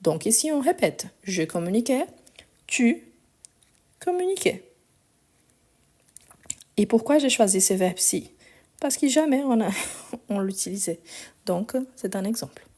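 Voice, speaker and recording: Patient woman teaching grammar, mellow voice. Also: mid-range voice, expressive, normal speed. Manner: patient, explaining step by step, spelling out endings letter by letter. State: voice a bit weak. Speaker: French teacher. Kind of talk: live online grammar lesson. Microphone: phone.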